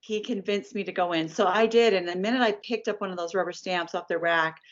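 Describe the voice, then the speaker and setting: A woman in her fifties tells her story in an interview with animated, chatty energy. Her voice sits slightly low. The recording is dull and lo-fi. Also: a little fast. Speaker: licensed artist, guest. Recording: dull lo-fi sound.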